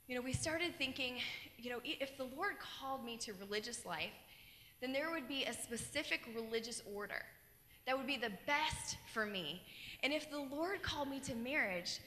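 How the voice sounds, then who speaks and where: On a large, dark auditorium stage, a young woman from Colorado gives a keynote personal testimony into a handheld mic, telling her story earnestly with animated gestures. Her voice is high, with slight background noise and a long hall reverb.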